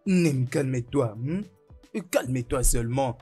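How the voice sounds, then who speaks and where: A man's voice: medium pitch, a little slow, mellow, husky, soft background music. A man dubbing a caring grown son in a French film dub, speaking in a soothing, reassuring way.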